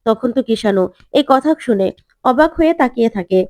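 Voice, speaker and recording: A woman's voice: on the high side, expressive, brisk, darkish tone, no echo, studio quality. A woman narrating a recap of a TV serial episode in plain reading, often repeating words.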